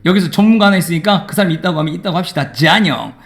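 A man teaching an English grammar lesson in a classroom, lively and teasing with his students. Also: high voice, racing, creaky.

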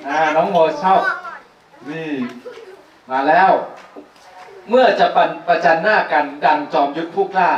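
A man's voice: fairly high pitch, measured pace, long pauses, highs cut off. Man telling a tale to small kids. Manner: playful, dramatic, laughs often, checks in with the children. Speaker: storyteller for kindergarten children. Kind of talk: animated storytelling to children. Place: school room with children. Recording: echoey room, mic far off.

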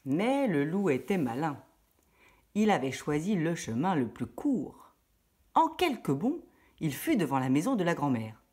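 A woman reading a children's story aloud in a lively, expressive way. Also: low-pitched, breathy edge.

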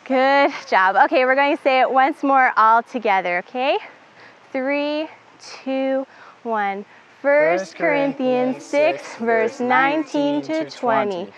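Casting: young woman, children's club teacher, high bright voice, unhurried, slightly dull lo-fi recording. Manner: upbeat, instructive, counting down for the kids. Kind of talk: leading children in Bible verse memorization.

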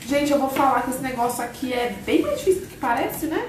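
A woman's voice: sits high, animated, fast talker. A woman learning painting from her teacher on a live stream, joking and playful as she follows along. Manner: playful, laughs and jokes with the teacher. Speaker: student and co-host. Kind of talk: casual chat while learning. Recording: roomy sound from a distant mic, clear background noise.

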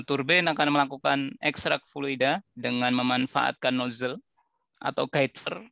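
A man teaching over a video call with a gravelly, bright voice. The sound is dry and close, and he explains his material and checks whether students can hear him. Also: medium pitch, dry recording. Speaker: university lecturer. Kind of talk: online lecture. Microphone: computer mic on a video call.

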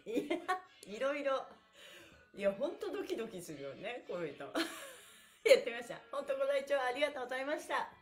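Leading her livestream stretching session, this middle-aged woman speaks high and sing-song, brisk yet with long pauses, while faint music plays behind her. She keeps the exercise cues upbeat and chats chirpily with viewers, encouraging them along. The bare-walled, wooden-floored little room gives an echoey, roomy sound.

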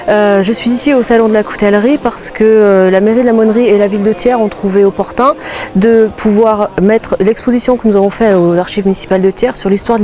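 A woman archivist explaining an exhibition in a measured, informative way. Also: mid-range voice, dark tone. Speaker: municipal archivist.

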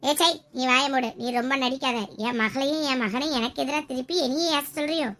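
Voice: sits high, brisk, sharp tone. A girl voicing a harsh, bossy mother-in-law in a family skit, scolding and giving orders. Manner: scolding, commanding.

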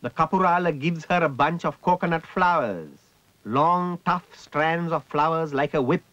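A man narrates a ritual scene in a slow, measured, descriptive way. His voice sits slightly high. The recording is dry and muffled, with no room sound. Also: a bit bright, no room sound.

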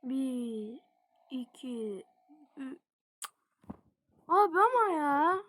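A young person commenting casually on a driving game, chatty and excitable, cheering and counting along. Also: female voice, high-pitched, extremely slow. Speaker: gaming channel host.

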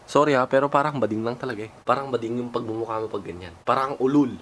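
A man's voice: medium pitch, quick pace, a little hiss or hum. A man doing a comic vlog rant, mocking and exasperated, swearing freely. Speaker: vlogger.

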